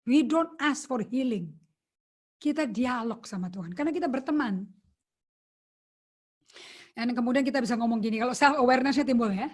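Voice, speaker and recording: A woman's voice: a little high, normal speed, long pauses, a little mellow. A woman pastor teaching a sermon over a video call, chatting casually and slipping English phrases into her talk.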